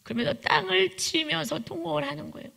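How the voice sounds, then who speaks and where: A woman's voice: high voice, quick pace, gravelly, sharp tone. A woman preaching a sermon testimony, telling a story vividly and acting out the prayers and voices she quotes. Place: church sanctuary.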